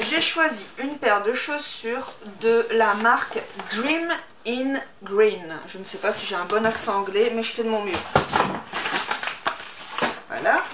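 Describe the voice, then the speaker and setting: A woman with a fairly high voice talks casually to camera at home, hesitating often and filling gaps as she unboxes parcels. The room is echoey and there is clear background noise throughout. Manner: chatty, hesitant with many fillers. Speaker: unboxing vlogger.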